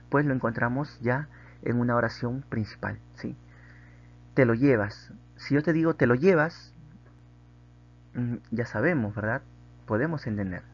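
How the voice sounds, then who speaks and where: A man's voice: mid-range voice, creaky, muffled recording. A man teaching a grammar lesson, patiently explaining and often checking in with the class through tag questions.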